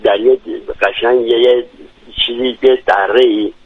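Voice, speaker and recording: A man's voice: mid-range voice, fairly even intonation, no echo. A man from Lorestan, a radio guest who describes his home village eagerly, with frequent hesitations. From Lorestan, Iran. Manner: enthusiastic, descriptive, many hesitations. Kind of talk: radio interview. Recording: dry, dull lo-fi radio sound.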